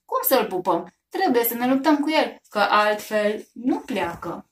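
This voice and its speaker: A woman voicing a small, scared but brave boy in a storybook reading, eager and excited. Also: fairly high pitch, lightly acted.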